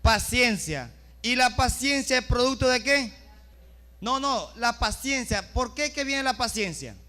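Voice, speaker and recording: A man's voice: very high voice, lively intonation, unhurried, bright, forceful tone. A middle-aged man from Venezuela preaching a church sermon, asking his congregation questions and acting out little dialogues as he goes. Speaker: pastor.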